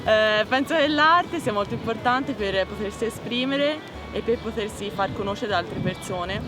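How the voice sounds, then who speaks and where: A woman's voice: medium pitch, animated, moderate pace. Fluent young Italian woman. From Italy. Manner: unsure in English, fluent in native speech. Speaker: artist. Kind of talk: answering interview questions. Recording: loud music behind the voice.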